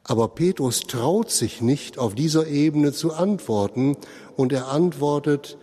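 Slow, mellow-voiced preacher in a church. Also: male voice, on the high side, long reverb tail. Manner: slow, earnest explaining, addresses listeners directly. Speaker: pastor. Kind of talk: sermon.

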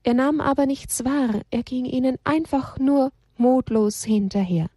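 A woman reading a children's story aloud in an expressive, storytelling manner. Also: high-pitched, measured pace, husky, no room sound, studio quality. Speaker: narrator.

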